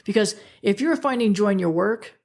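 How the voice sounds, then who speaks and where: A woman's voice: mid-range voice, animated, moderate pace, darkish tone. A woman in her sixties hosting a podcast, speaking earnestly to listeners as her friends and repeating key phrases in a motivational monologue. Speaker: podcast host.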